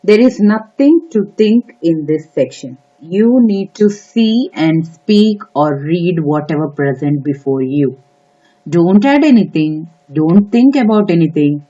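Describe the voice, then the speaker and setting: A woman's voice: fairly low pitch, animated, a little slow, dark tone. A woman teaching test-prep tips in a spoken lesson, giving instructions and repeating key advice, with some hesitant fillers. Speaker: exam prep tutor. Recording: slightly dull lo-fi audio.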